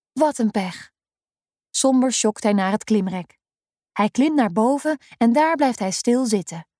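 A woman reading a children's story aloud, gently and expressively. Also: a little high, no room sound, studio quality.

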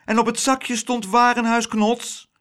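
A man voicing a calm, knowing lady customer with a high, teasing delivery. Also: a little slow.

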